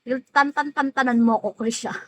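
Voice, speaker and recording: A high-pitched, steady, slightly mellow female voice speaks at normal speed, with no echo but rough recording quality. She is a livestream host casually greeting viewers, teasing them by name, laughing a lot and drawing out names.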